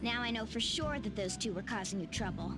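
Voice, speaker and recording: A woman's voice: on the high side, lively intonation, brisk, natural voice. A woman voicing a brash, sassy and commanding young heroine in a video game. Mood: confident, sassy. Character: bossy, brash, high-voiced young heroine. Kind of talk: English video game voice acting. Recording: game music behind the voice.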